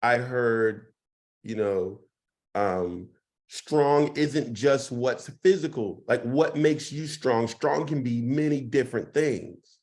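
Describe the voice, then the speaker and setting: A man with a hoarse, partly lost voice, hosting a casual interview in an encouraging, appreciative way. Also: medium pitch, slow, darkish tone. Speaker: host.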